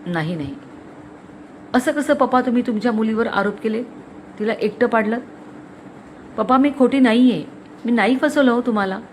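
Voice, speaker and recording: Young woman, frightened, tearful, pleading, pitched up; woman narrator plays her. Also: lively intonation, normal speed, pauses often, slight background noise, natural voice. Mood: despairing.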